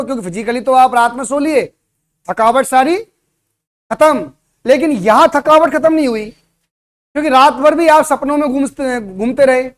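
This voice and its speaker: High-voiced man lecturing students. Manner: lecturing with frequent rhetorical questions to the class. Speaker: coaching teacher. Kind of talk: motivational classroom talk to students.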